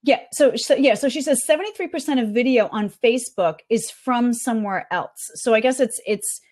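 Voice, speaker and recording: A woman chatting casually as a podcast guest, recapping conference talks in an animated way with plenty of fillers. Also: a little high, moderate pace. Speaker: guest reporting on a marketing conference.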